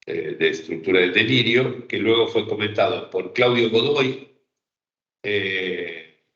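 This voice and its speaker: A man's voice: lowish voice, slow, a bit bright. A man teaching an online psychoanalysis seminar, talking thoughtfully with many fillers and checks to his listeners. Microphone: video call. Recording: roomy, dull online call audio.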